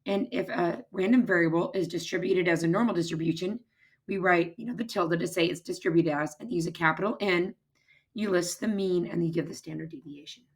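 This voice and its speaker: Her voice lowish and brisk, a hoarse woman teaches math in an informal recorded lecture, walking through things step by step. The husky, raspy strain shows she's losing her voice, and she keeps clearing her throat.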